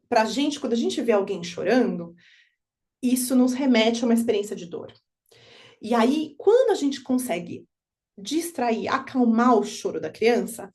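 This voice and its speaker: A woman giving a talk to parents on children's emotions, animated, acting out children and parents in quick high voices. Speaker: parenting educator. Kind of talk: lecture to parents.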